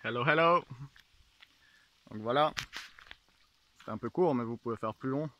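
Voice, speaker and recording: A man speaks in a medium-pitched voice as an instructor. He guides listeners through meditation and exercises in an informal teaching style. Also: moderate pace, slight background noise, low-quality recording.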